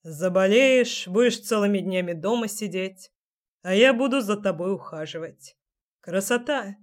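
Brief: woman reader voicing a stubborn, gruff young man, slow and mocking. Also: high-pitched. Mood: teasing.

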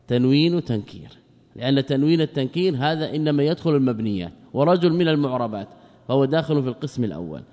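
A man's voice: fairly high pitch, mellow. A man teaching a classical grammar lesson, asking rhetorical questions and answering them himself, repeating key terms. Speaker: Islamic scholar teaching Arabic grammar. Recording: long hall reverb.

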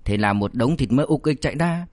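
A man narrating an audiobook in a steady storytelling manner. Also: medium pitch, a little fast, no echo. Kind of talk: scripted narration.

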